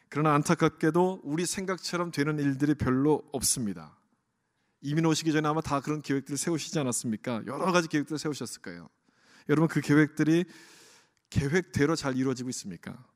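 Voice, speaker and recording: A pastor preaching an earnest sermon to his congregation in a church, often asking them questions. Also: on the high side. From Korea. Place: church sanctuary. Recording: long church hall reverb.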